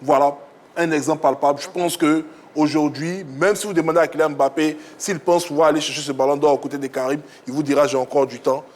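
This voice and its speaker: A male pundit breaks down the season at length in a slightly high voice. His delivery is explanatory and assured. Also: steady tone, quick pace, darkish tone. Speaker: football pundit. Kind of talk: studio analysis.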